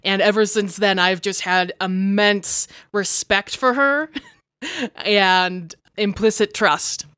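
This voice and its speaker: A woman player chatting in character during a tabletop game, in a relaxed, chatty way. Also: mid-range voice, slow pace, clean tone, no room sound, clean studio sound. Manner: relaxed, chatty, laughs often.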